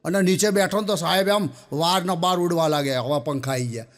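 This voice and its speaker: A man's voice: a little high, brisk. A man telling a string of comic jokes in a chatty storytelling way, often turning to address his listeners directly. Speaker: stand-up comedian. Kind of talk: Gujarati folk joke telling.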